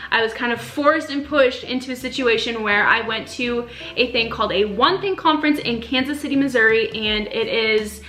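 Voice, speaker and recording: A woman's voice: a little high, moderate pace, few pauses, bright, forceful tone. A young woman born in Romania, earnestly chatting in a casual sit-down faith vlog, with many ums and likes. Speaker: faith vlogger. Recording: roomy echo with faint music.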